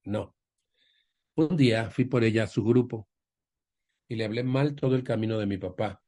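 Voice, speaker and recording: A man speaking at a support group, counseling a woman with a personal story and acting out his family's lines. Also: dark tone. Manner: acts out quoted family members with raised pitch. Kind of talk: storytelling counsel to an audience member.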